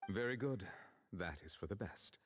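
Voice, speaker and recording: A dignified, reserved chief justice in a video game, with a very low voice that rises and falls expressively. He speaks with measured, formal courtesy. Faint hiss and a long reverb tail sit behind him. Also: lively intonation, fairly bright tone, soft background music. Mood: courteous, calm.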